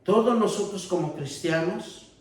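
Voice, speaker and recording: Male preacher, emphatic sermon delivery, slow pace, distant mic in a booming echoey hall. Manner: slow, deliberate preaching with raised emphatic passages. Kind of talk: sermon with Bible reading. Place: church hall.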